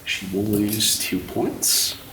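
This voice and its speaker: A man game-mastering a tabletop horror game, talking very slowly and deliberately. His voice is fairly low. He sounds distant from the mic, in an echoey room with faint noise. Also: little pitch movement, bright, forceful tone. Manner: slow, descriptive, addresses players directly.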